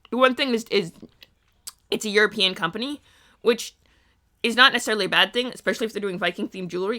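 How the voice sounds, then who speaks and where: A woman chats on her live stream, rambling through her thoughts with frequent ums and uhs. Her voice is bright and clear, though she sounds worn out and sleepy. She talks casually and easily into a streaming mic. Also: mid-range voice. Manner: rambling, many ums and uhs, thinking aloud. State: tired, sleepy.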